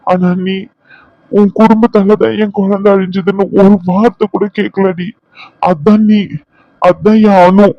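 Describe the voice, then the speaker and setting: A man's voice: high voice, little pitch movement, no room sound, muffled recording. A man voicing a remorseful grieving young husband. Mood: tender. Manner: soft, pleading, slow and emotional. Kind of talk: cartoon drama voice-over.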